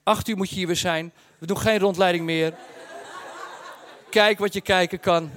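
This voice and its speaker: A man telling a casual anecdote in a colloquial, blunt and animated way, acting out bits as he goes. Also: sits high, normal speed. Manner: acts out dialogue and sound effects. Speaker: storyteller recounting his travel experience.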